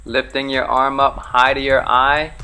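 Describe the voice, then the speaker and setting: A man's voice: mid-range voice, a little slow. Bahamian man explaining spearfishing technique. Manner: relaxed, practical, step-by-step explaining. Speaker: charter fishing captain. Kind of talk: instructional vlog narration.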